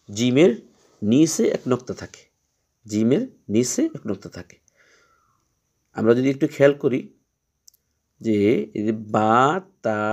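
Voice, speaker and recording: A man teaching Quran reading, explaining each letter patiently and repeating its sound slowly three times. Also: medium pitch, a little mellow, muffled recording. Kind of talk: step-by-step letter lesson.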